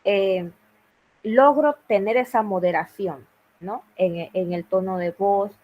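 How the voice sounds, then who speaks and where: A woman teacher with a Panamanian Spanish accent and a loud, firm voice, sharing her classroom experience in a workshop. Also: mid-range voice, slow pace, dull audio, slight background noise.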